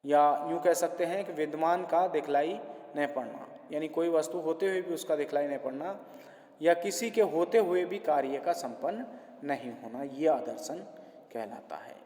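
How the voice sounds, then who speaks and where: A man's voice: fairly high pitch, moderate pace, mellow. A male college lecturer explaining grammar rules in a classroom lecture, patiently repeating each point in simpler words. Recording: echoey hall.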